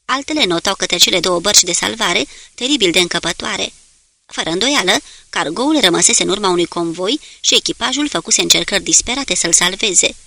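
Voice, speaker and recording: A woman reading a novel aloud as an audiobook narrator, in a steady, measured way. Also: mid-range voice, creaky, no echo.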